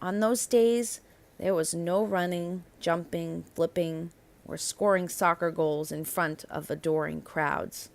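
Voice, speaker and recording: This narrator is a woman reading a children's picture book slowly in a fairly low, creaky voice. She phrases things emphatically, lengthening key words for effect.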